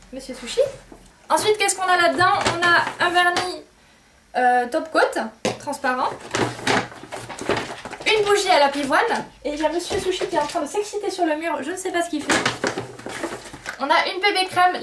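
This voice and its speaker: High-pitched chatty woman vlogger, a bit off-mic with faint hiss, halting with lots of fillers. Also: far from the mic. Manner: chatty, hesitant with many fillers. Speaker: beauty vlogger. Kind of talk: casual chat to camera.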